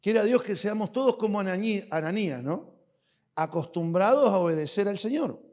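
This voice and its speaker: A man's voice: high-pitched, normal speed. A man preaching a sermon as pastor in a church, acting out little dialogues and putting questions to the congregation. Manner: animated, acts out dialogues with God, asks the congregation questions.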